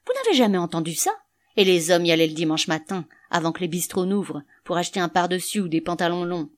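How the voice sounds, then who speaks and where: A woman's voice: on the low side, animated, quick pace, natural voice. A woman reading an audiobook, voicing a grumbling, scornful middle-aged male canvasser with an indignant, sneering manner.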